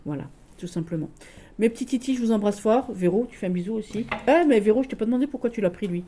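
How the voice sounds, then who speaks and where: A woman chatting casually and affectionately as she shows her tarot decks, often pausing on "voilà". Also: medium pitch, animated, mellow, a little hiss or hum. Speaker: tarot vlogger.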